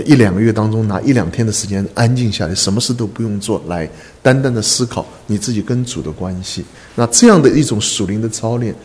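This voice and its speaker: A man preaching a sermon to a congregation, earnest, repeating phrases and filling pauses with drawn-out "ah" sounds. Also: fairly low pitch, darkish tone. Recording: echoey hall reverb.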